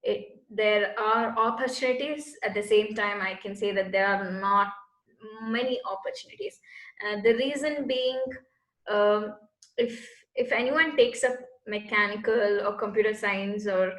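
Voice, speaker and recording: In an echoey room, a space entrepreneur from Bangalore, India, answers interview questions casually. Her medium-pitched, fairly bright voice moves at a measured pace as she earnestly describes her journey, feeling for the right words along the way.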